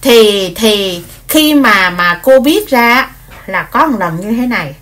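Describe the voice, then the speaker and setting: A woman, retelling a story in casual speech, animated, with many fillers and repeated words. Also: mid-range voice, takes it slowly.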